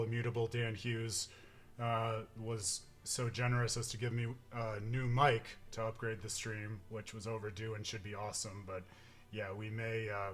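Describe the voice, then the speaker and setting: A man's voice: lowish voice, a bit bright. A man hosting a live stream, chatting casually in a rambling, joking way. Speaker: stream host.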